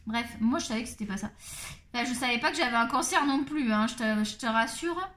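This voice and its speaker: A woman's voice: fairly high pitch, a little fast, fairly bright tone, slight background noise. A middle-aged woman hosting a coloring video, chatting casually and candidly as she colors, rambling with many fillers. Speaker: coloring channel host. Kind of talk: casual chat while coloring.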